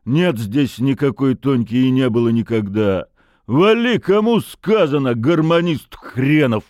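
Gruff unshaven middle-aged thug, grim, muttering through clenched teeth, put on by a male narrator. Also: mid-range voice, lively intonation, a little slow, dark tone, dry recording, clean studio sound, lightly acted. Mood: menacing.

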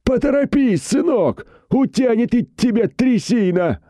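Brief: man playing an old countryman, hoarse and folksy, pushed way up in pitch, dark and dry. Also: sing-song, unhurried, dry recording, exaggerated voice. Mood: urgent. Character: old rustic man, gruff, urging.

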